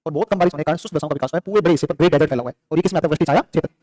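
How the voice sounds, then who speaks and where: Rapid high-voiced male teacher drilling facts. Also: a little mellow. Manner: drills facts with repeated questions and answers; scolds and jokes with students. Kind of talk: classroom lecture. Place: classroom with students.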